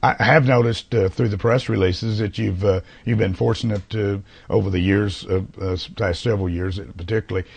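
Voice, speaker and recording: A male TV talk show host, hoarse from allergies, interviewing a guest in a halting way with many fillers and restarts. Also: lowish voice, steady tone, a little mellow, no room sound. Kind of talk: casual interview.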